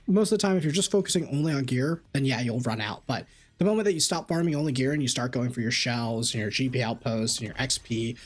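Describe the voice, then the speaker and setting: A man reads questions from his live-stream chat while gaming and answers them animatedly. He talks fast in a mid-range, slightly raspy voice.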